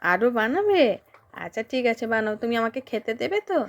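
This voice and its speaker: High-voiced mother coaxing her toddler. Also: very animated, moderate pace, slight background noise. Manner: playful, coaxing questions. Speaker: mother and vlogger. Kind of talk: casual chat with her toddler.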